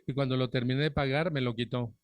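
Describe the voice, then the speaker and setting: A man's voice: medium pitch, steady tone, fast, no room sound. A middle-aged man with a Mexican Spanish accent, giving a frank personal testimony at a recovery group meeting on a stand microphone, speaking bluntly with earthy profanity and direct questions to the audience.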